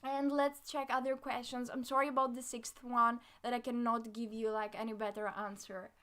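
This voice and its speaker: A young Greek woman, a front-end developer, hosts a casual live-stream Q&A about coding, chatting with plenty of fillers and reading viewer comments aloud. Her voice sits on the high side with little pitch movement, a moderate pace, and a fairly bright tone.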